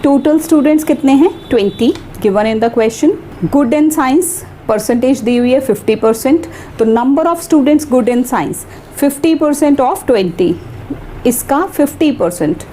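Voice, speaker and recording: A woman math teacher, explaining each step slowly and carefully in a classroom-style lesson. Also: sits high, animated, mellow, a little hiss or hum. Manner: slow, deliberate explaining, mixing English terms into Hindi.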